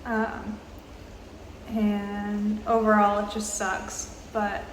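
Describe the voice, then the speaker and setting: A woman in her twenties talking casually for a vlog, with many pauses and fillers, recorded in a public bathroom. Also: medium pitch. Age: 20s. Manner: halting, filler-heavy, slow and even. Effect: roomy bathroom echo. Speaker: vlogger. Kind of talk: casual travel vlog chat. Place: small tiled public bathroom, indoors. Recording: echoey bathroom with faint background noise.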